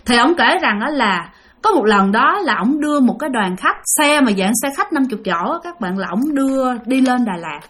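A woman's voice: high voice, sing-song, a little fast, fairly bright tone. A woman telling a ghost story in a chatty way, talking straight to her listeners. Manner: chatty, addresses listeners directly.

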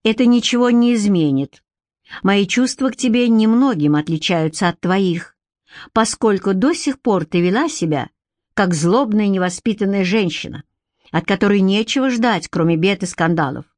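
A woman's voice: mid-range voice, animated, moderate pace, a little mellow, no room sound, studio quality, close to an everyday voice. Woman reading as Garrick, a cold Viking master. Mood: cold commanding. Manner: curt, coolly commanding, cynical. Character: cold mocking Viking warrior man, master of a captive.

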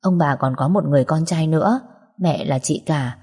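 A woman voicing a gentle older mother who speaks slowly and calmly, in a storybook reading with long hall reverb. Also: low voice, breathy edge.

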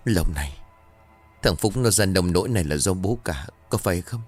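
A man's voice: low-pitched, lively intonation, normal speed, husky, faint music behind. A man voicing a grieving old father. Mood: guilt-ridden. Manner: anguished, then weary and self-blaming. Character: grieving elderly village father, stubborn.

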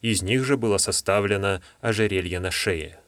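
A man reading a fantasy novel aloud as an audiobook narrator, in a measured storytelling manner. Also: fairly low pitch, fairly bright tone, dry recording.

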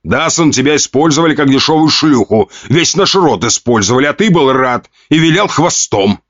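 A man's voice: medium pitch, lively intonation, moderate pace, a bit bright, dry recording, highs cut off, pitched above the performer's own voice, natural voice. A man voicing a powerful duke who harshly scolds his son with scorn and mockery. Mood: angry.

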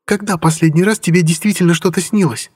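A husky young witch, put on by a male reader in an audiobook, her voice lifted well above his own. She talks in a teasing, knowing, mock-patient way. A long hall reverb trails behind every line. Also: high voice, fairly even intonation, fast, a little mellow, pitched above the performer's own voice. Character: young woman witch, sly, coaxing, sharp-tongued. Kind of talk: audiobook character voice.

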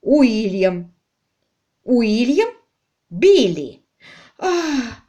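A woman's voice: medium pitch, fairly even intonation, moderate pace, darkish tone, close to an everyday voice. A woman doing a blustering old baronet. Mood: insistent. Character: blustering older male baronet, gleeful.

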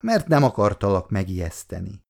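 A man's voice: fairly low pitch, very animated, gravelly, darkish tone. A male reader voicing an evasive young man who placates his mother. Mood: sheepish. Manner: placating, sheepish.

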